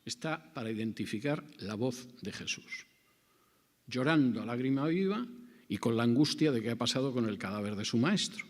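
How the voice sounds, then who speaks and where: A male preacher works through scripture in a dramatic, rhetorical way, often acting out the dialogue. His pitch swings widely from phrase to phrase at a medium overall height. The voice carries a long reverberant tail, as if in a large hall. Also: lively intonation, normal speed. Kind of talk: expository sermon.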